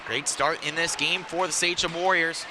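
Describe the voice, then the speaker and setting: A man's voice: on the high side, fairly even intonation, moderate pace. A man giving live ice hockey commentary in clipped phrases that follow the play. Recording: noisy rink ambience around the mic.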